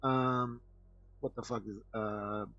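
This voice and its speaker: A man's voice: mid-range voice, steady tone, takes it slowly, fairly bright tone. A man hosting a podcast, riffing through crude, rambling comedic commentary full of fillers. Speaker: podcast host. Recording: dull lo-fi dry recording.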